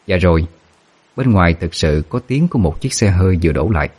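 Deep, husky male narrator. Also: fast. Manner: steady, dramatic storytelling. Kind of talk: storytelling narration of a ghost tale.

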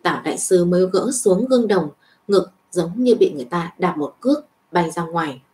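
A woman reading a web novel aloud as narrator, in an even storytelling voice with small lifts for dialogue. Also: lowish voice, brisk.

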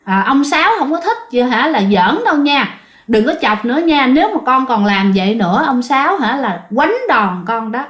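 A woman's voice: sits high, expressive, normal speed, a bit bright. A woman voicing an elderly grandfather who firmly warns a child. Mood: stern. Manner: firm, warning. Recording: roomy echo.

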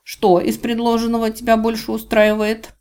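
A woman reading an audiobook voices a smug, cruel male villain god who talks with drawling, mocking calm. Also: a little high, moderate pace, voice pushed up, natural voice. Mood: menacing. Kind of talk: audiobook character voice.

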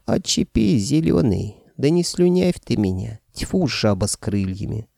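A man's voice: mid-range voice, big pitch swings, gravelly, dark tone, dry recording, studio quality, heavily acted. A man voicing a grumpy old male forest spirit who grumbles and bristles. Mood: indignant. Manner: cranky, grumbling, quick to bristle.

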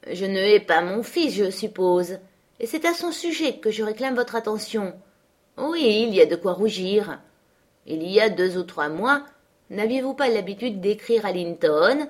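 Menacing brooding man, forceful and scornful, read by a woman. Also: mid-range voice, animated, a little slow. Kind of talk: audiobook character voice.

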